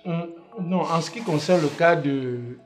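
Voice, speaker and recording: A man's voice: fairly high pitch, unhurried, soft background music, natural voice. A man acting as an association president in a comedy sketch, hesitant and stammering as he talks.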